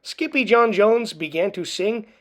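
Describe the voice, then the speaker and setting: A woman with a mid-range voice reads a children's picture book aloud, telling the story in an expressive, deliberate way.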